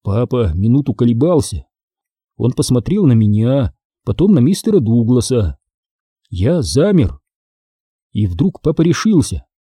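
A man narrating a story in a steady, even audiobook reading. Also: medium pitch, unhurried, long pauses, breathy edge, no echo, studio quality.

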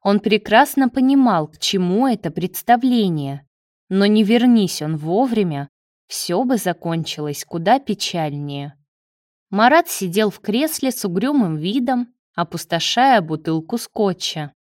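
Woman audiobook narrator, unhurried and steady, dry close sound. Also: mid-range voice, dry recording.

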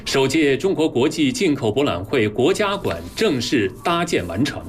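A man with a standard mainland Mandarin accent reading scripted news as a formal, measured anchor. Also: medium pitch, sing-song, faint music behind.

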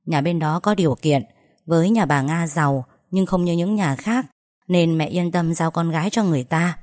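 A woman voicing a caring middle-aged mother in a read-aloud story, speaking gently and advising. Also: sits low, normal speed, natural voice.

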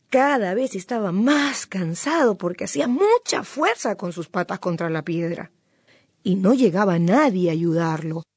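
A woman on the radio telling a folk tale aloud with lively, expressive storytelling. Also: mid-range voice, breathy edge, no room sound, studio quality.

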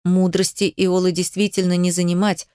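A woman's voice: lowish voice, level tone, moderate pace, warm tone, clean tone, no echo, studio quality, lightly acted. A woman voicing a proud young male herald who speaks coldly and with control. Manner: cold, controlled.

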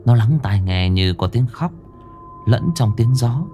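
A man's voice: medium pitch, animated, unhurried, dark tone, soft background music. A man narrating a ghost story in a dramatic, suspenseful way.

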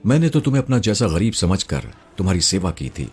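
A man doing an emotional young wife in a spoken story, wary and pleading, reproachful tone, raised pitch above a low, husky base, with faint music underneath. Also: lively intonation, a little mellow. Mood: earnest.

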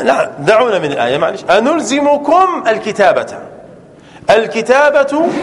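A man, a sheikh teaching a classroom grammar lesson, quizzing his students and drawing out examples slowly. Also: sits high, slight background noise.

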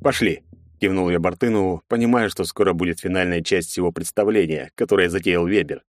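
A man narrating an audiobook in a steady, measured storytelling voice. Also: low voice, slight background noise. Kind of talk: scripted narration.

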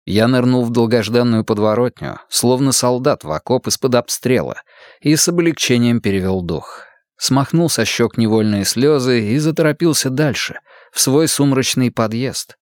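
A man narrating a first-person novel in an expressive, storytelling manner. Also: mid-range voice, moderate pace, no echo, clean studio sound. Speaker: audiobook narrator.

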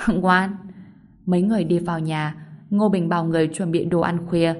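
A woman narrating an audiobook in an even storytelling manner. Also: fairly low pitch, quick pace. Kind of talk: scripted narration.

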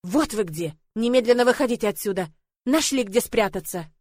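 A woman doing a shouting angry lord. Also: on the high side, expressive, fairly quick, no echo, clean studio sound. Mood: angry commanding. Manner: shouting, commanding. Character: angry stern male lord, a father.

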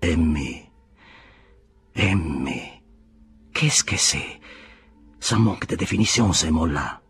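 A man's voice: very deep voice, expressive, slow pace, fairly bright tone, breathy edge, voice pushed down, heavily acted. A man reading an earnest young German man.

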